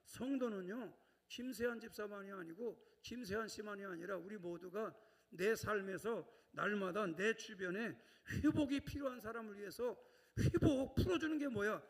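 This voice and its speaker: A man's voice: high voice, moderate pace. A male pastor preaching a sermon in a chatty way, often checking in with the congregation. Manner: conversational, keeps prompting the congregation. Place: church sanctuary. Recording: long church reverb.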